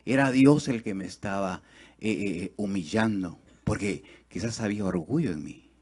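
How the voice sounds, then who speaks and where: A man preaching a sermon in church, his delivery rising into loud, high, fast bursts of exhortation and then sinking to low, slow, nearly hushed lines. He keeps turning to the congregation with rhetorical questions. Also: slightly rough.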